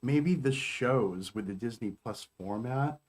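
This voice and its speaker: A man co-hosting a fan review podcast in casual chat, animated and full of fillers that trail off. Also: medium pitch, unhurried. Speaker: podcast co-host.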